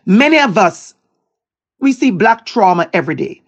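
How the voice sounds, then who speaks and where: A woman's voice: medium pitch, big pitch swings, normal speed, muffled recording. A woman with a Jamaican accent, an equity educator answering as a guest, speaking emphatically and repeating key lines for effect. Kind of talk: impassioned interview answer.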